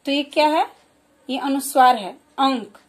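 A woman giving a slow, clear children's lesson, explaining and repeating example words. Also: high-pitched, animated, a little mellow. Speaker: primary school teacher.

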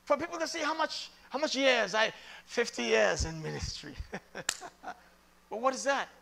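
Man preaching, very high voice, bright and edgy tone, chatty sermon, repeats himself, laughs a lot. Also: big pitch swings, normal speed, gravelly. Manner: conversational, repeats phrases, laughs often.

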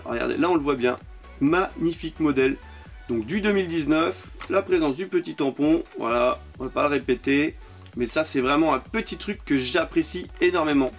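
A toy car collector vlogger with a French accent and a slightly high voice gives casual, enthusiastic commentary on cars from his collection, often repeating words for emphasis.

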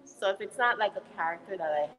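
A woman in her fifties hosting a chatty live shopping stream from inside a store, gushing and excitable, laughing often and greeting viewers by name. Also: mid-range voice, fast, poor audio. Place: indoor retail shop.

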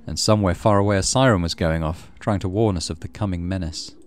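A gaming channel host hosts a let's play of a horror visual novel. He reads it aloud in a deep, fast voice, dramatizing the story and slipping in muttered asides.

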